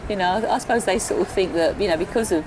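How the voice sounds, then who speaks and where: A woman's voice: medium pitch, fast, noisy background. A woman chatting in a rambling way, full of fillers, as a regular customer. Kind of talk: casual chat.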